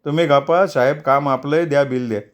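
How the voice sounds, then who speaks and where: A man's voice: a little high, steady tone, fast talker, natural voice. A man voicing a placating middleman who coaxes and soothes. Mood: coaxing. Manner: coaxing, conciliatory. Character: placating middleman friend, coaxing.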